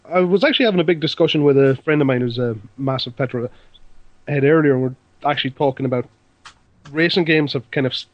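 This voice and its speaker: A man on a podcast panel, giving measured, opinionated takes. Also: mid-range voice, no echo, highs cut off. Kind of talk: casual chat about games.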